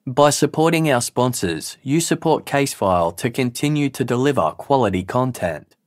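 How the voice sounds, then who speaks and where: A man narrating a true-crime podcast in a measured, sober, scripted way. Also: medium pitch, animated.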